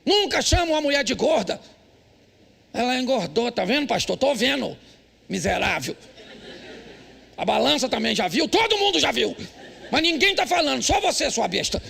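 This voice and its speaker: A man's voice: extremely high pitch, very animated, moderate pace, creaky, long pauses, a bit bright, slightly rough. A man with a Brazilian Portuguese accent preaching a humorous sermon in church, telling stories and teasing husbands bluntly. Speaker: pastor. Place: church service.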